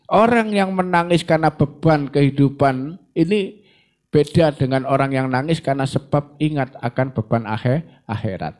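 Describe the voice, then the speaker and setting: A man's voice: medium pitch, a little mellow. Javanese guy teaching a ramadan book lesson, storytelling, keeps repeating phrases. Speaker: religious teacher.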